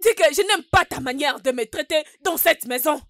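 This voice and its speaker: A woman's voice: high voice, moderate pace, close to an everyday voice. A woman voicing a jealous, scheming co-wife in a dubbed film, harsh and threatening. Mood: resentful.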